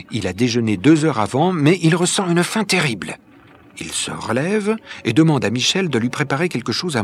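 A man narrating an adventure storybook in a measured, clear reading voice. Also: medium pitch, slight background noise.

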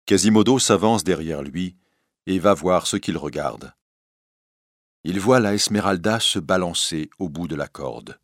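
A man's voice: low-pitched, animated, a little slow, no echo, studio quality. A man narrating a classic story aloud in a dramatic reading style.

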